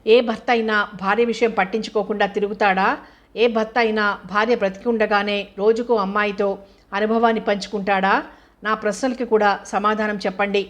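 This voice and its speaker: A woman's voice: medium pitch, flat delivery, brisk, dull audio, close to an everyday voice. A woman voicing an angry, hurt young wife who accuses her husband with bitter sarcasm. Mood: bitter, reproachful.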